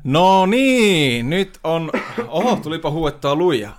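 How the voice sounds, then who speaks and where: A man hosting a casual chat, playful and quick to laugh. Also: fairly high pitch, over music. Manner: laughs often, lively and playful. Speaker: podcast host.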